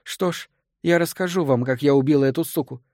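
A man reading an audiobook, voicing a deranged grieving woman who confesses to a killing, hoarse with rage and near sobbing. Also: a little fast, darkish tone, no room sound, studio quality, close to an everyday voice. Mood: spiteful. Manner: shrill, vengeful outbursts.

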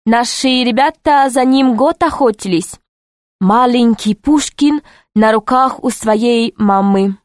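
A woman reading the part of a serious grown man who guides visitors, speaking slowly and earnestly. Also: on the high side, dry recording, clean studio sound, voice pushed up. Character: serious adult man, a time-travel institute guide.

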